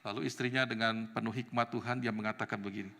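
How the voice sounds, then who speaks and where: Animated male preacher in a reverberant church. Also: on the low side, quick pace, creaky. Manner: animated, rises to loud emphatic peaks. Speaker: evangelist preacher. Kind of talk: sermon. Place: church sanctuary.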